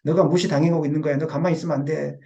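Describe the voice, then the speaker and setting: A man's voice: fairly high pitch, flat delivery, very fast, creaky, dark tone. A male pastor voicing Satan as a tempter who keeps goading his listeners to pride and haste. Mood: taunting. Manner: insistent, needling, repetitive urging.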